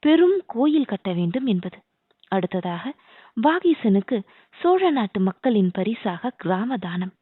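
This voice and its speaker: A woman's voice: medium pitch, sing-song, a little slow, breathy edge, no echo. A woman reading the part of a newly crowned young king, speaking earnestly and tenderly to his beloved. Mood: warm, eager. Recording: dry, tinny phone-like sound.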